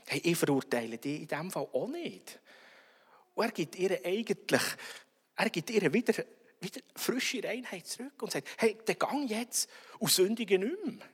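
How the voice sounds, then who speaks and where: A man preaches with a high, husky voice that jumps around in pitch. He acts out little everyday dialogues and keeps checking in with his listeners. His voice rings with the long reverb of a large hall. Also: moderate pace. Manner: animated, acts out little dialogues, frequent "oder?". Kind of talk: sermon.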